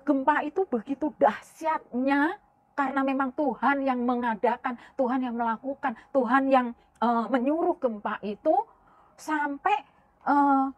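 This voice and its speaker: A woman teaching Sunday school, telling a Bible story to children and keeping them involved with questions. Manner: keeps asking questions and addressing the children directly; lively and expressive, swinging her pitch up and down.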